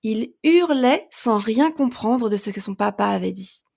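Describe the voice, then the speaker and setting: A woman narrating a children's storybook in a gentle, lilting way. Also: a little high, lively intonation, measured pace, vocal fry. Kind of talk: storybook reading.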